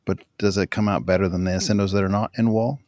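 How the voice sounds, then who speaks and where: A man's voice: deep voice, steady tone, fast, a little mellow, no room sound, clean studio sound. A man co-hosting a casual podcast, frank and easygoing with his opinions. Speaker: podcast co-host. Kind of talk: casual chat.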